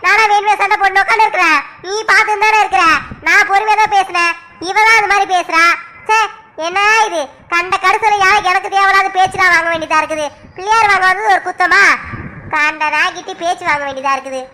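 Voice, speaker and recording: A woman plays a pushy woman customer in a cartoon market queue. She is hurried and insulting, and she sounds curt and dismissive. Her voice is very high and bright. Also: a little hiss or hum. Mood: scornful. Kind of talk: cartoon voice acting.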